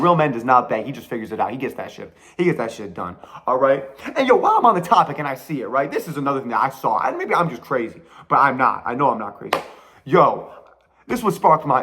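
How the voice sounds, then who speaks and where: A young man talks straight into his own podcast, blunt and profane, full of slang and repeated punchlines. His pitch leaps up and drops back down constantly, which keeps the rant lively. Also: quick pace, slight background noise. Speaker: podcast host. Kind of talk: casual solo podcast rant.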